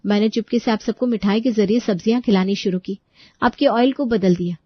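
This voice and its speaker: A woman doing a calm caring young daughter-in-law. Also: mid-range voice, brisk, no echo, lo-fi sound, lightly acted. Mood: calm explaining. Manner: explaining patiently.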